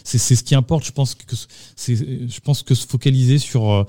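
A male musician speaks in a dark, mellow voice, close and dry in the studio. He answers slowly, searching for words with frequent fillers and restarts. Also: mid-range voice, fairly even intonation, no room sound. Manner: hesitant, lots of fillers and restarts. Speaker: singer and musician guest. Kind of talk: casual radio interview.

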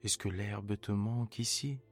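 A man's voice: lowish voice, steady tone, a little slow, soft background music, lightly acted. A man voicing a fond, worried old farmer who pleads and exclaims, in a bedtime story reading. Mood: pleading, alarmed.

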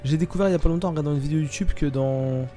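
A man hosting a casual film podcast, relaxed and leading the wrap-up. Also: a little high, racing, faint music behind. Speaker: podcast host.

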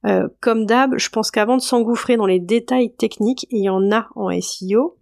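A woman business coach over forty hosts her podcast in a casual, explanatory way. She speaks straight to the listener, with plenty of fillers and a slightly gravelly texture. The sound is close and dry, with no room around it. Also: fairly high pitch, moderate pace, darkish tone, no echo. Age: 40s or older. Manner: chatty, direct, many fillers, addresses listener as tu.

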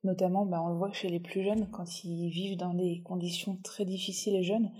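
A husky woman with a warm, mellow voice. She hosts an interview podcast and talks thoughtfully and reassuringly. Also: lowish voice, flat delivery, fairly quick. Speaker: podcast host. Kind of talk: reflective interview conversation.

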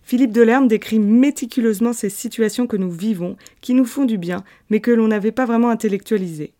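A French woman hosting a literary podcast, reading a scripted monologue in a lively, playful storytelling way. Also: a little high, brisk. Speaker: podcast host.

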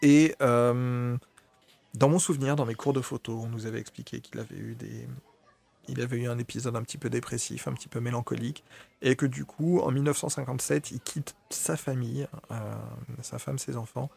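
A man's voice: medium pitch, steady tone, a little fast, creaky, darkish tone, breathy edge. A man giving an informal spoken talk on photography, hesitant, with many fillers, restarts and apologies. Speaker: photography presenter.

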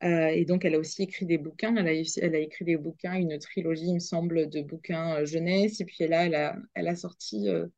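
A woman's voice: sits low, fairly even intonation, quick pace, vocal fry, few pauses, a little mellow, no room sound. Hesitant woman, dull dry audio. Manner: hesitant, many fillers and restarts. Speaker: radio journalist guest. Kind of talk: casual podcast interview.

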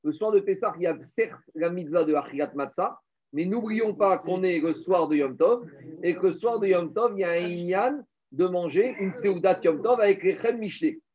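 Guy giving a torah class, kinda high voice, muffled lo-fi sound, keeps asking rhetorical questions. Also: moderate pace, slightly rough. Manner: lively, rhetorical questions, addresses listeners as Rabotai. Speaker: Torah teacher. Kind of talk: Talmudic lesson mixing French and Hebrew. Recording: dull lo-fi recording.

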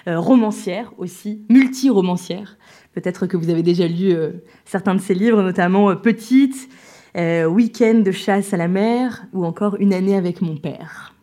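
A woman's voice: medium pitch, mellow. A woman hosting a live event on stage, introducing jury members and guests in a chatty, self-deprecating way with many fillers. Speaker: event host. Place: event stage before an audience.

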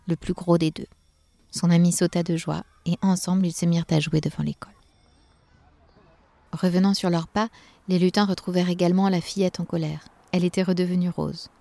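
A woman narrating a children's Christmas story in a gentle, expressive storytelling manner. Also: on the low side, no echo.

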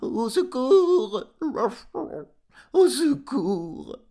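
A man's voice: big pitch swings, extremely slow, dark tone, full character voice. A man voicing a frightened, cheeky male farm dog who wails for help, reading a storybook aloud. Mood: panicked. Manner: shrill, wailing cries for help.

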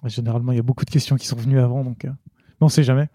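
Mellow, halting man hosting a podcast. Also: mid-range voice, fairly even intonation, dry recording, clean studio sound. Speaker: podcast host. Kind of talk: casual interview chat.

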